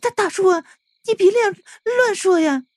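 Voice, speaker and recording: A man's voice: very high-pitched, normal speed, pitched above the performer's own voice. A man voicing a nervous young woman in an audiobook, stammering with forced cheerfulness. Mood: scared.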